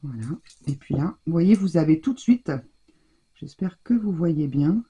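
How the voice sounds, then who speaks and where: A woman's voice: deep voice, animated, a little slow, warm tone, husky. A woman chatting to viewers as she demonstrates a craft technique, talking while she works and often restarting her sentences. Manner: talks straight to viewers while working, restarts and trails off. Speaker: craft tutorial host.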